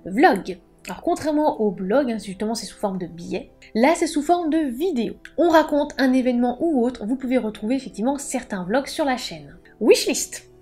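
A woman with a fairly high, warm and mellow voice presents a casual book video. She explains things in a playful manner and drops jokey asides. Faint music plays underneath. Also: lively intonation, moderate pace. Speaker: book vlogger and author.

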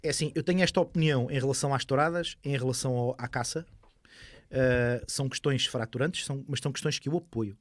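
A man's voice: medium pitch, fast, no room sound. A man in his thirties with an Alentejo Portuguese accent, talking casually as a podcast guest and explaining things colloquially with examples. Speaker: podcast guest, sport shooter. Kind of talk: casual interview talk. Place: small foam-padded podcast studio. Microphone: close studio podcast microphone.

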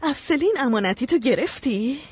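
A stern, indignant accuser. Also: female voice, sits high, animated, husky, no echo, heavily acted. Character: accusing woman exposing a scheming sister. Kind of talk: Persian dub of a TV drama.

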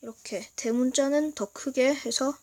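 A woman giving a casual video lesson, explaining slowly and haltingly and often clearing her throat. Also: sits high. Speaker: language teacher. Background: noise from outside.

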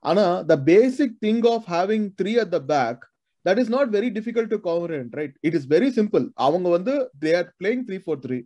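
Tamil accent guy arguing on a fan panel call, high voice, talks super fast, really emphatic. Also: expressive, mellow. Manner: emphatic, asks rhetorical questions. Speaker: panelist on a football fan show. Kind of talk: animated debate in mixed Tamil and English. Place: video call.

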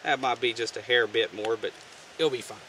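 A man casually showing a homemade camp stove outdoors, talking in a relaxed, folksy way with many fillers. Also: medium pitch, a little fast, far from the mic, a little hiss or hum. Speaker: outdoor gear vlogger. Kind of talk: casual how-to demonstration. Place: outdoors on the ground, off camera.

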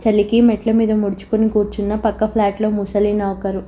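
A woman reading a novel aloud as an audiobook narrator, in a steady, even storytelling voice. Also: mid-range voice, a little fast, lo-fi sound.

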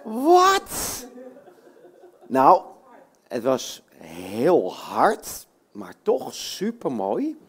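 A puppeteer talking warmly to children before a show, coaxing them with many little questions. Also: medium pitch, wildly swooping pitch, very slow, pauses often, slight background noise. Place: bookshop, indoors.

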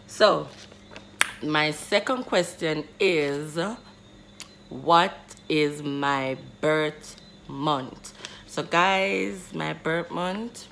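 A woman in her twenties talks straight into her phone camera in a small bedroom, addressing her viewers warmly as "guys" and circling back over her own sentences. Her voice sits low and her delivery is unhurried. Faint room noise hums under the close phone recording. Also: gravelly. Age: 20s. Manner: chatty, addresses viewers as guys, rambling restarts. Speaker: vlogger. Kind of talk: casual vlog talking to camera.

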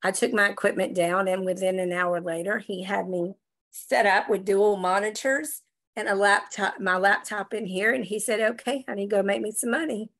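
A woman's voice: medium pitch, normal speed. A middle-aged woman telling her success story with effusive enthusiasm on a casual video call. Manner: enthusiastic, effusive, animated retelling. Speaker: guest sharing a success story.

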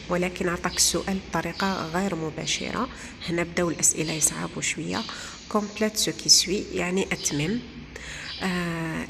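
Gravelly Algerian woman teaching, reverberant. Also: on the low side, background noise. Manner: reads French sentences slowly, explains briskly in Algerian Arabic. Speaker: primary school teacher. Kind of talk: exam-prep lesson.

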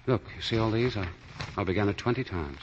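A man's voice: fairly low pitch, animated, fast talker, a little hiss or hum, close to an everyday voice. An actor playing a lovesick man hiding something, earnest and hesitant, in 1940s radio acting. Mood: tender. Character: secretive lovesick man hiding bad news. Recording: dull 1940s broadcast with music underneath.

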